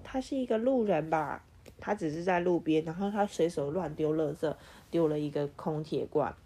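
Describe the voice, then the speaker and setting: A woman's voice: low voice, normal speed, breathy edge. A mother reading a picture book to her child at home, acting out sound effects and stopping to quiz the child. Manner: animated, acts out sound effects and quizzes the child. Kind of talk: picture-book read-aloud.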